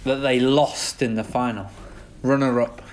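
A man with a Northern English accent, co-hosting a podcast and answering football quiz questions in an excitable, swearing, playful way. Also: medium pitch, unhurried, background noise. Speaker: podcast co-host playing the quiz. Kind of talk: casual pub quiz banter.

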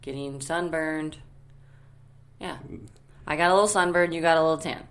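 A woman in her thirties co-hosting a casual podcast at home, playful, with quick short replies. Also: sits low, steady tone. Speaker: podcast co-host. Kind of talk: casual chat.

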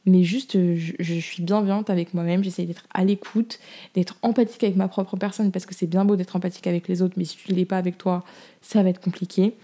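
A woman's voice: fairly low pitch, fairly even intonation, brisk, dark tone. A young woman hosting a podcast, chatting casually and candidly in slangy, informal speech as she shares personal advice. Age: young adult. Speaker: podcast host.

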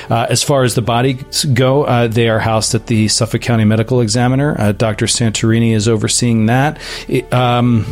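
A man voicing a small-town woman police officer in a tabletop game, halting and full of ums and restarts. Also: mid-range voice, darkish tone, lightly acted. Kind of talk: tabletop role-play.

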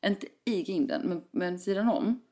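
A woman's voice: medium pitch, darkish tone. A young woman in casual chat, full of fillers and quoted exchanges. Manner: chatty, frequent fillers, acts out quoted exchanges.

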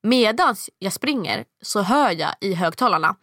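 A woman in her thirties telling a long story in casual chat, acting out the quotes in a much higher voice. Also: animated, fairly bright tone, no echo, studio quality.

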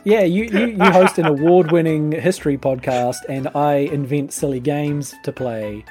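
A man's voice: fairly high pitch, moderate pace, a little mellow, soft background music. A man speaking casually as host and game master of a tabletop role-playing podcast.

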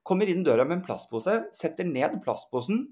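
A man's voice: high voice, very animated, darkish tone. A young man co-hosting a podcast, telling a story in casual chat and acting out the quoted lines with animation. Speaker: podcast co-host.

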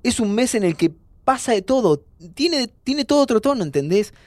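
A man's voice: very high-pitched, big pitch swings, moderate pace, a little mellow, no echo. An actor playing an ill young man with a Rioplatense Spanish accent who jokes and reassures his friend. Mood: reassuring. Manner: playful, soothing, tired. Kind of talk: audio drama acting.

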